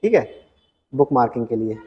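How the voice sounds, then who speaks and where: A man teaching an exam-prep computer lesson, reading English questions slowly and explaining them in casual Hindi. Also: mid-range voice, very animated, highs cut off. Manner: often adds "ठीक है" as a check-in.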